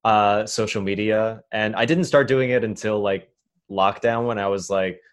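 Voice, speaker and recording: A stand-up comedian in his twenties from New York City is interviewed in a casual, conversational way. His lowish voice is clear and resonant at a normal speed, and he chats and rambles with lots of fillers.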